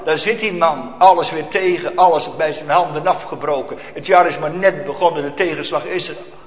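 A man preaching a fervent sermon in a somewhat high voice, his delivery swinging between loud outbursts and hushed, near-whispered passages. The recording is dull and lo-fi, and a long reverb rings through the church. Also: fairly quick. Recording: echoey church hall, dull lo-fi.

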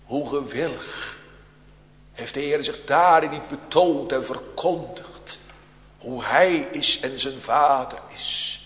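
A man preaching a sermon in a solemn, deliberate way, with dramatic pauses, swinging between loud emphatic calls and hushed near-whispers. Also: mid-range voice. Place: church. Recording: long church reverb.

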